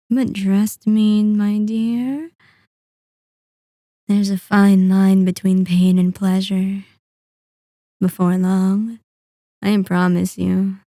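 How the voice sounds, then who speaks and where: Woman doing a sadistic vampire mistress for asmr, super slow n breathy, really dark mellow voice, possessive. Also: mid-range voice, no echo, studio quality. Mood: gloating, hungry. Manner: slow, lingering, condescending endearments. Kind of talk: roleplay ASMR.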